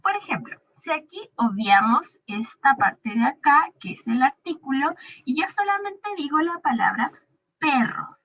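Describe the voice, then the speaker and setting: A woman's voice: sits high, very animated, measured pace, a bit bright. A woman teacher giving a recorded grammar lesson to a young pupil, patiently drawing out the example words. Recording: dull lo-fi recording.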